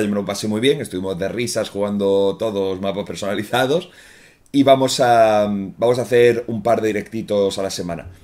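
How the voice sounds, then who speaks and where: A man in his thirties with a Castilian Spanish accent giving casual, jokey gameplay commentary in an informal, chatty way. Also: fairly low pitch. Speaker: gaming streamer. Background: game music.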